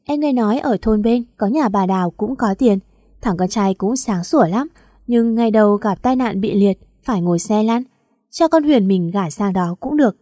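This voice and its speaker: A woman reading the part of a meddling, sharp-tongued middle-aged aunt with a harsh, pushy way of talking. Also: medium pitch, moderate pace, dry recording, studio quality, close to an everyday voice.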